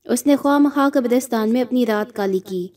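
A woman's voice: on the high side, darkish tone, natural voice. A woman voicing a threatening spirit that speaks through a possessed girl in an audio horror story. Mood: menacing. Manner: threatening, contemptuous.

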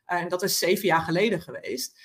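A woman's voice: on the low side, expressive, fast. A woman guest on a podcast, telling her own story in a reflective way with many hesitations and fillers. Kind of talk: personal storytelling in conversation.

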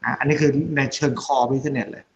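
A man's voice: medium pitch, moderate pace. A middle-aged man, a surgeon and company head, talking casually and animatedly in an interview, often checking with tag questions. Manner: chatty, animated storyteller, many tag questions.

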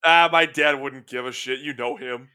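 A man's voice: mid-range voice, fairly even intonation, normal speed, pushed and bright, clean tone. A young man co-hosting a casual podcast, swearing freely and laughing as he tells stories. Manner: swearing, laughing, acts out a dog's thoughts in quotes. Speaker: podcast co-host.

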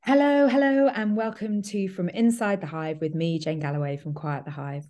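A woman hosting a podcast interview, her voice croaky from a cold, introducing her guest effusively. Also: deep voice, steady tone, moderate pace, dark tone. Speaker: podcast host. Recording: music playing behind the voice.

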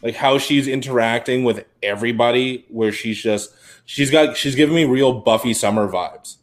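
A man's voice: medium pitch, normal speed. A man co-hosting a podcast, chatting casually and rambling with heavy use of "like". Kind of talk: casual chat about a TV series.

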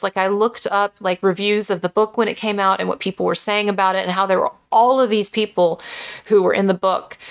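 A woman host with vocal fry in a lowered voice, giving casual, opinionated commentary. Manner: speaks in a lowered pitch.

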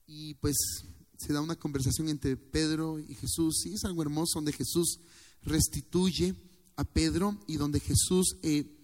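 Male pastor with a high voice, a fervent call-and-response sermon, reverberant church hall. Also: a little mellow.

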